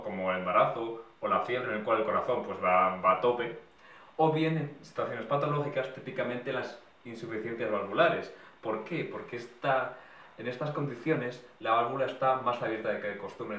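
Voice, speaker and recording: A man's voice: mid-range voice, fairly bright tone. Man, medical tutor, methodical lecture, roomy echo, distant mic. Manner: methodical, recaps in short lists. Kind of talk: explanatory lecture. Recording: echoey room, mic at a distance.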